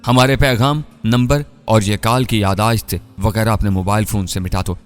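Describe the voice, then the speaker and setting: A man reading an audiobook voices a calm, teasing young woman who soothes and persuades. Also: fairly low pitch, normal speed, soft background music, lightly acted. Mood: soothing.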